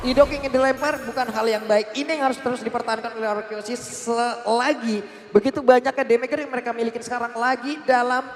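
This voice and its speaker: A man's voice: very high-pitched, steady tone, fast talker, slight background noise. An Indonesian man giving live co-commentary and analysis on a mobile game match. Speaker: esports commentator. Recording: echoey hall, loud music behind. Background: music.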